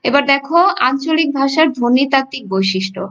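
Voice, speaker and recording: Woman, high voice, patient teacher explaining to students, dull lo-fi recording. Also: animated, fairly quick, fairly bright tone. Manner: explanatory, addresses students directly, frequent fillers. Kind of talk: online class lecture. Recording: dull lo-fi audio.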